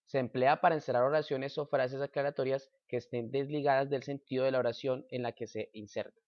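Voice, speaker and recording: Guy reading a grammar lesson slow and careful, mid pitch, dry close sound. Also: fairly even intonation, darkish tone, dry recording. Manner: slow, measured reading with example sentences. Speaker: teacher.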